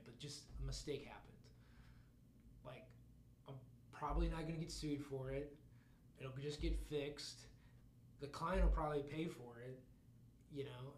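On a podcast, a man chats casually and rambles with many asides, fillers, and laughs. His voice is medium in pitch with a little hiss or hum, recorded with roomy echo and faint ambience.

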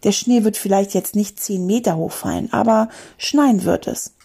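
A woman's voice: medium pitch, moderate pace, gravelly, warm tone, slightly rough. A woman reading aloud and voicing a jolly, playful male Christmas creature from a children's story, in a voice close to her own. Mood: good-natured.

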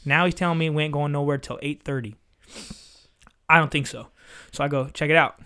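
A young man tells a story at a fast clip. His voice is smooth and clear and sits a little high. He swears freely and acts out both sides of each exchange. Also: fairly even intonation, pushed and bright. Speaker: podcast host. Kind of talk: casual storytelling chat.

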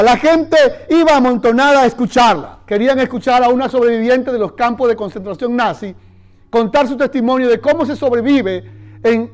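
A male pastor delivers a sermon in a strikingly high voice. He tells stories and speaks directly to his church, leading them in call-and-response. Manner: leads the congregation in call-and-response; storytelling, addressing the church directly.

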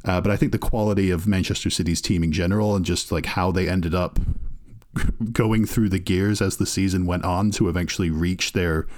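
Brief: low male podcast co-host, opinionated, teasing, filler-heavy. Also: fairly even intonation, a little fast, darkish tone. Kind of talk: casual sports chat.

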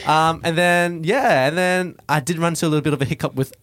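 A man's voice: a little high, fast, fairly bright tone. A young man hosting a podcast, chatty and laughing, with many fillers, in a small studio. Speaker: podcast host. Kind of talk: casual chat. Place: insulated studio room.

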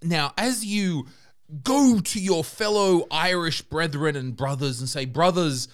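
A man's voice: a little high, unhurried. A man hosting a casual conversation, putting rambling questions and hypotheticals with some swearing. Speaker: podcast host.

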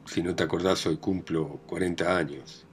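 Man voicing a weary forty-year-old daughter, Rioplatense accent, subdued, low voice. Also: fairly even intonation, moderate pace. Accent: Rioplatense Spanish.

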